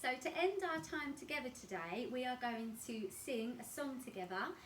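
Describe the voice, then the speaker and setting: A woman leading a craft session and storytime for toddlers, speaking in a gentle, sing-song way aimed at small children. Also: high voice, lively intonation, normal speed, reverberant, slight background noise. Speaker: children's activity leader.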